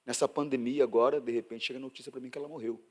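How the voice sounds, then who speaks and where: A man with a Brazilian Portuguese accent preaching a sermon as a pastor, swinging from loud outbursts to hushed asides. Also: medium pitch, steady tone, racing.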